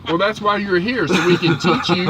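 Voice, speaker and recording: A man's voice: high voice, fairly even intonation, brisk. A man hosting a livestream, chatting casually in a folksy, joking way. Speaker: livestream host, trucker. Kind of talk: casual chat. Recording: faint outdoor vehicle noise.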